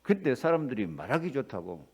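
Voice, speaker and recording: A middle-aged male pastor preaching a sermon, asking the congregation questions and swinging between loud declamation and quiet asides. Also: mid-range voice, big pitch swings, brisk, breathy edge.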